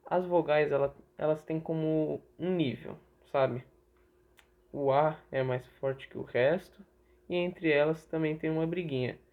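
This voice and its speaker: Young Brazilian male tutor, slow and chatty, thin phone-like sound. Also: on the high side. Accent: Brazilian Portuguese. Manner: chatty, asks and answers own questions. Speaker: teacher. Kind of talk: casual online grammar lesson. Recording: tinny phone-like audio.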